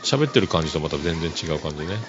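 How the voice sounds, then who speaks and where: A man's voice: a bass voice, animated, fast. A man hosting a casual solo podcast, easygoing and chuckling, full of fillers. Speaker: podcast host. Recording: dull lo-fi recording. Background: music playing underneath.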